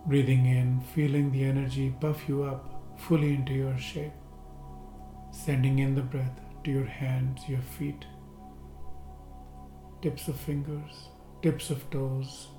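A man guiding a seated relaxation and breathing meditation, giving slow, calm, gentle instructions with long pauses. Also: medium pitch. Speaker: meditation guide. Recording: roomy echo with faint music.

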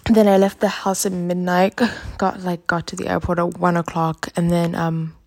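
Here a grade-seven girl from Uganda, roughly twelve or thirteen, speaks with an American-sounding accent in a fairly low, darkish female voice that barely moves in pitch and keeps a moderate pace. Giggly and talkative, she rambles to the camera from her school hostel, drifting off topic as she vlogs.

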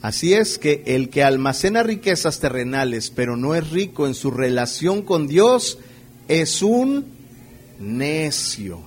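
A man's voice: a little high, big pitch swings, takes it slowly, slight background noise. A man preaching a conversational sermon, checking in with his listeners through rhetorical questions and playfully acting out everyday scenes. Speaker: pastor.

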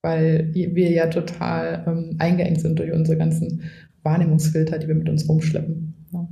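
A woman's voice: low-pitched, completely flat delivery, moderate pace, gravelly, dark tone, roomy sound. A woman coach, a guest in a podcast interview, who explains at length and often adds a tag question. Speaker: coach and trainer.

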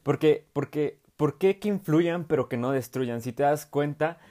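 A young man with a Mexican Spanish accent giving a casual, slangy youth sermon, animated and quick to laugh. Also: a little high. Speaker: youth preacher.

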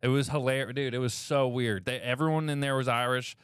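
A man's voice: medium pitch, steady tone, fairly quick, a bit bright, smooth, no echo, clean studio sound. A man co-hosting a comedy podcast, chatting casually with loose, profane storytelling. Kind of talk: casual chat.

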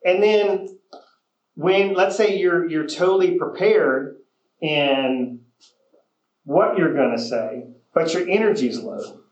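A man's voice: fairly high pitch, takes it slowly, pauses often, a little mellow, highs cut off. A man coaching a group of real estate agents in a training session. He speaks directly and keeps checking in with the room for agreement. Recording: echoey room.

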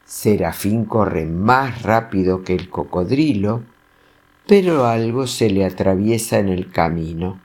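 A man reading a children's story aloud, with an expressive, animated delivery. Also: on the low side, slow.

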